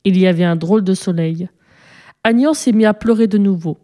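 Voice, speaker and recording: A woman reading a children's story aloud, lively and switching voices for the characters. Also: mid-range voice, brisk.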